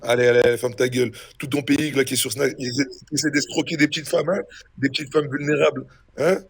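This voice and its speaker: A man's voice: medium pitch, flat delivery, fast talker, creaky, a little hiss or hum. A young man streaming a role-play game, casually mocking and insulting another player in a taunting way. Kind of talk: casual trash talk on stream.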